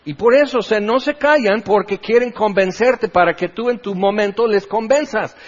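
Preaching with passion and plenty of rhetorical questions, a middle-aged man with a Mexican accent speaks as pastor at a moderate pace in a high-sitting voice. It's captured as a dull lo-fi recording.

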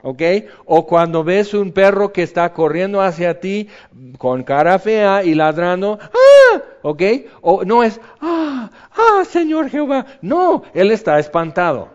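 A man preaches with a high, lively voice. He acts out the quotes with sudden high yelps. The recording sounds dull and lo-fi. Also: measured pace. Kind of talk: sermon.

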